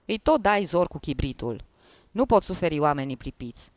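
Un bărbat jucând un judecător de instrucție iritabil. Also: male voice, fairly high pitch, big pitch swings, no echo. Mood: scolding. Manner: curt, scolding. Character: irritable middle-aged male investigating judge, impatient and bossy.

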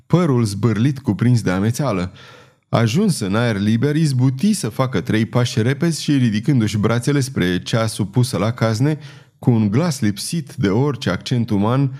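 A man narrating a historical novel as an audiobook in a steady, solemn way. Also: medium pitch. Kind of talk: dramatic novel reading.

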